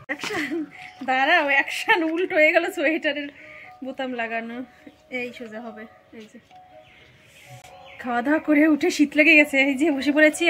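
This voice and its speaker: A woman vlogger chatting casually as she shows viewers around her small tin-roofed home and tidies it up. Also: high voice. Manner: drops to a hushed voice while the children sleep. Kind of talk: casual home vlog narration.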